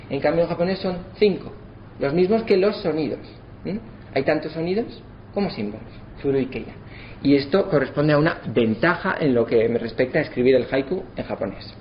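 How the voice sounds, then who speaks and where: Man teaching, slow spelled-out syllables. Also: a little high. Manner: spells out syllables slowly to demonstrate. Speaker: lecturer. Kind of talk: explanatory lesson. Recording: slightly dull, faint background noise.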